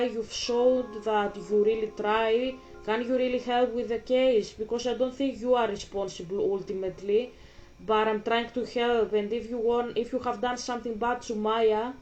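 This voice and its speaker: On a recording with dull audio, a native Greek-speaking woman with a Greek accent and a voice on the high side comments casually on her gameplay as a gaming vlogger. Her delivery is blunt and full of swearing, with animated rants.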